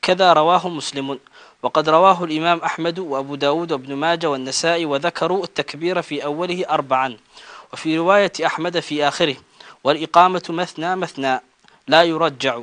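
A man reading religious texts aloud to his teacher in a measured recitation, getting louder on the chanted call-to-prayer phrases. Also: fairly high pitch, dry recording.

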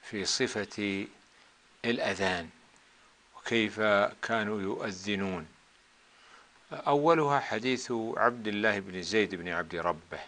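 A man teaching a lesson who stops the reader with brief corrections and then explains the religious texts calmly. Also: lowish voice.

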